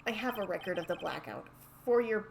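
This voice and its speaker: A woman voicing a smug male prosecutor in a courtroom video game, with formal, measured questioning. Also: lowish voice, expressive, creaky, background noise.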